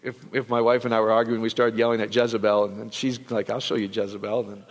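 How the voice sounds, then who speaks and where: A man's voice: on the low side, level tone, fast. A man preaching a casual, rambling sermon, talking to the congregation with many restarts and quoted asides. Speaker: pastor. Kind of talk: conversational sermon. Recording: long hall reverb.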